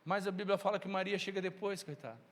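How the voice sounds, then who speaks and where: A male preacher with a very high, bright voice retells the story with emphatic, storytelling energy. He speaks straight to the congregation, and a long reverb rings through the church hall. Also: fast talker. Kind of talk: sermon. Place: church sanctuary.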